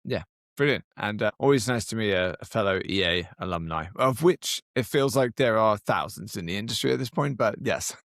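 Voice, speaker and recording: A man's voice: fairly low pitch, animated, brisk, fairly bright tone, no echo, studio quality. A man in his thirties hosting a podcast interview, upbeat and chatty, encouraging his guests. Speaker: podcast host.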